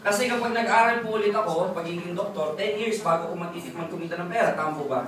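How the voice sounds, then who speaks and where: A young man in his twenties tells his story to a seminar crowd, joking and checking in with them constantly. His voice sits high and he talks fast. The recording is distant, heavily echoing and noisy. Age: 20s. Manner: jokey storytelling, keeps asking the crowd "right?". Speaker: testimonial speaker at a business seminar. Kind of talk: lively motivational testimony to an audience. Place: large echoey seminar hall with audience. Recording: very echoey hall, far off, noisy.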